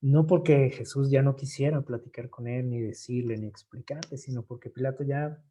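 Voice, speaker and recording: A man's voice: mid-range voice, fairly even intonation, normal speed, dark tone. A man leading an informal Bible study, reading passages aloud and explaining them in a conversational way with speech.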